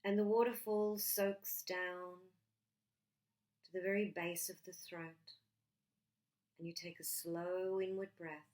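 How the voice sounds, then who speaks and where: A woman's low, level voice guides a relaxation meditation in a gentle, soothing way. She speaks short phrases and lets long pauses fall between them.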